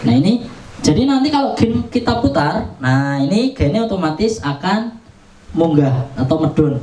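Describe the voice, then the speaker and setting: A man's voice: sits high, darkish tone. A man, chatting casually step by step through a product demonstration. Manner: chatty, explains step by step while pressing buttons. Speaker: audio gear seller demonstrating a mixer. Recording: roomy sound, mic at a distance.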